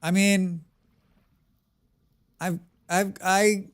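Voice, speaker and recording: A chatty American man streams a game live, talking to chat and answering comments in casual conversation. His voice is high-pitched with a level tone and drawn-out words.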